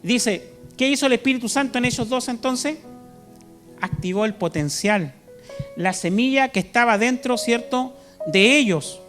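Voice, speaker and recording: High-voiced Chilean pastor preaching. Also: male voice, a little slow, faint music behind. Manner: animated preaching, constantly asks "¿cierto?" to the congregation; bursts into loud shouts when quoting. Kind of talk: sermon. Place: church service.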